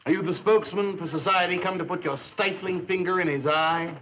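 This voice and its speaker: An actor playing a pompous, sardonic beatnik poet, grandiloquent and withering, in 1950s film style. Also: male voice, sits high, brisk, close to an everyday voice. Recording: dull, faintly noisy 1950s film soundtrack.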